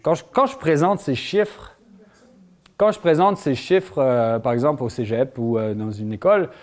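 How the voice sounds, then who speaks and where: A man from France with a French accent, giving a public lecture and quizzing his audience in a lively, joking way. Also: medium pitch, moderate pace. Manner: lively, jokey, asks the audience questions. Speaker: lecturer on groundwater.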